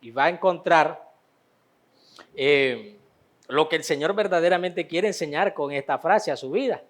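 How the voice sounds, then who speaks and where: High-voiced man teaching a Bible class. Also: measured pace. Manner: conversational, repeats phrases for emphasis.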